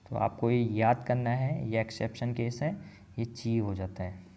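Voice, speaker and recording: A man's voice: mid-range voice, normal speed, vocal fry, warm tone. A man teaching a writing lesson, patiently counting out each stroke aloud as he explains. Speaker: language teacher.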